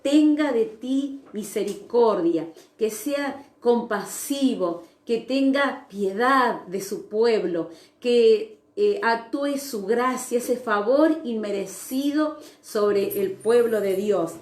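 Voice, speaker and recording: Slow, high-voiced woman preaching. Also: roomy sound. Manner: slow, reflective with frequent hesitations. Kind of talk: sermon. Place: church service streamed online.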